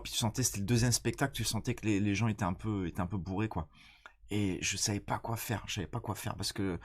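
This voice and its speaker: A man with a stuffy, nasal voice from a cold, chatting casually and explaining things in a halting, slangy way. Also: on the low side. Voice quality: congested, nasal. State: blocked nose from a cold. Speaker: stand-up comedian.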